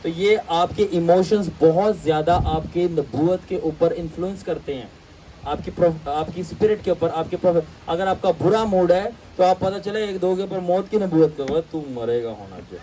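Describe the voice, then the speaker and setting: A man teaching a Bible class, animated and storytelling, mixing English phrases into his talk. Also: high voice, recorded from a distance, slight background noise, poor audio. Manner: animated, acts out voices in anecdotes; mixes English phrases into Urdu.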